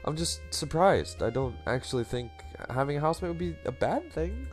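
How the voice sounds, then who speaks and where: A man's voice: on the high side, big pitch swings, fairly quick, faint music behind, voice pushed up. A man voicing a flustered young woman.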